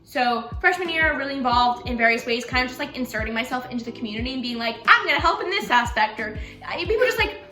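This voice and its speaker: A young adult woman, a student community president whose first language is Russian, chats casually and fast, full of "like"s and fillers. Her fairly high voice is pushed and bright with lively intonation. The room is echoey, and music is clearly audible in the background.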